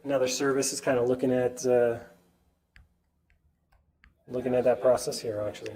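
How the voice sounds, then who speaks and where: A man's voice: medium pitch, steady tone, normal speed, dark tone. Nasal man with a head cold. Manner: chatty, keeps asking the audience "right?". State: stuffy nose from a sinus cold. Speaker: presenter at a tech user group meetup. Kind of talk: casual whiteboard tech talk.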